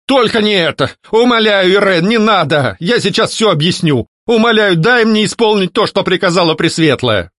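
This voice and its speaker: Man doing desperate ghost nobleman, frantic, raised pitch, loud begging, dry close sound. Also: animated, moderate pace, dry recording. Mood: pleading. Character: ghost of a scheming young nobleman, pleading.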